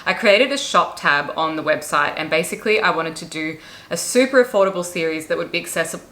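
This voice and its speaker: A woman's voice: on the low side, a little fast, pushed and bright. A young woman chatting casually in a day-in-the-life vlog, with hiccups now and then. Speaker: vlogger and interior designer.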